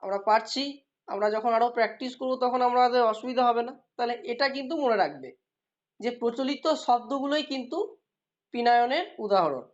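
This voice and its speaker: A woman's voice: on the high side, animated, fairly quick. Woman teacher, questioning students. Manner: explains patiently, asks students questions and praises answers. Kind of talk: classroom lesson. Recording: dull lo-fi recording.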